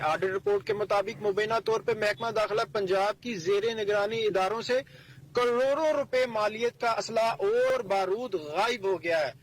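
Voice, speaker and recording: High-voiced man reporting news by phone. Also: rough recording. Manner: steady reading of figures and official details. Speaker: bureau chief reporting by phone. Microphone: telephone line.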